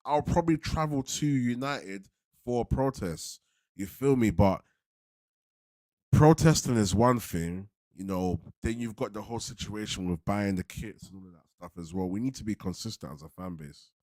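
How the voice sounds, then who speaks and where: A man's voice: lowish voice, expressive, moderate pace, a little mellow, dry recording, poor audio. A man with a London roadman accent chatting casually to livestream viewers, laid-back and slangy, often repeating himself. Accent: London roadman, multicultural urban slang. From London, England. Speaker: football fan channel host.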